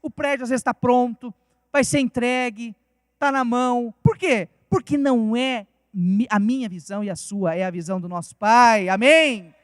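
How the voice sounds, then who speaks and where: High-voiced fervent Brazilian preacher. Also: male voice, normal speed, no room sound, studio quality. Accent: Brazilian Portuguese. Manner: fervent, with rhetorical questions. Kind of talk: sermon. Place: church.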